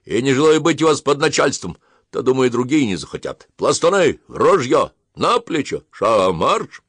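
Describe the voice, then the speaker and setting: A man's voice: medium pitch, very animated, normal speed, a bit bright, breathy edge, dry recording, voice pushed up. Unflappable grey-haired cossack officer, curt orders, dry close sound, a man acting him out. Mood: defiant. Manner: cool, commanding, curt orders. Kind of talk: audiobook character voice.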